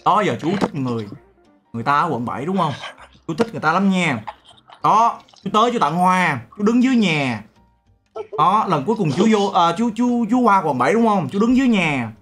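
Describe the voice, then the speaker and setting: A man's voice: high voice, animated, brisk, fairly bright tone, faint music behind. A man in his twenties from Vietnam, a streamer chatting casually and teasing with mock-serious storytelling. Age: 20s. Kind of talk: casual video-chat banter.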